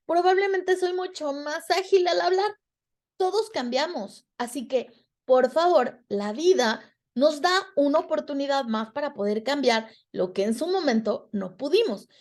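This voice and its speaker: Speaking with a Mexican Spanish accent, a woman with a high-sitting, darkish voice gives students a reflective talk about emotions. She's expressive and acts out the dialogue she quotes.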